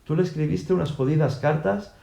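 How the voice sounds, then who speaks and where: A man voicing an angry middle-aged father who yells in a raised, strained voice, in a roomy-sounding recording. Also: medium pitch, normal speed, natural voice. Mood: furious shouting. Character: furious shouting father, middle-aged man, then tearful. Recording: roomy echo.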